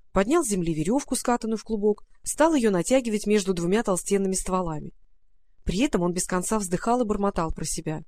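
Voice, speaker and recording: Gentle storybook narrator reading a fairy tale, even mid voice. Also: medium pitch, no echo.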